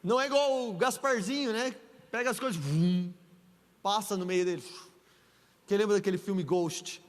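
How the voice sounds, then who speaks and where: A man's voice: high-pitched, moderate pace. A man preaching a sermon as pastor, telling the story playfully and acting out the dialogue, in a large church hall. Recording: echoey church hall with long reverb.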